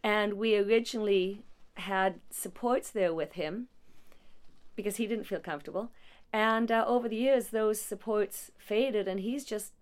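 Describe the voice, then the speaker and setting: A woman's voice: medium pitch, unhurried. A woman who leads a non-profit support agency, answering interview questions in a conversational way, telling stories with restarts and small laughs. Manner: warm storytelling with frequent restarts and small laughs.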